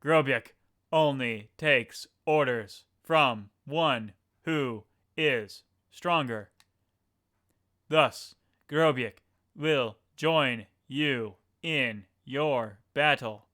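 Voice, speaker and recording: A man voicing a stoic robot soldier in a video game, talking on an in-breath in a slow, halting robot voice. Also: mid-range voice, sharp tone. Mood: monotone. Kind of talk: voicing game dialogue aloud on a stream.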